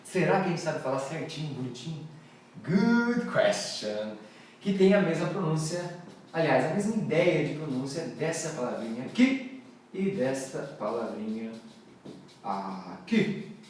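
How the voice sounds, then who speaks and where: A man's voice: on the high side, expressive, moderate pace, a little mellow, far from the mic, slight background noise. A Brazilian man teaching English pronunciation live, playfully repeating words for his students to echo. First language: Portuguese.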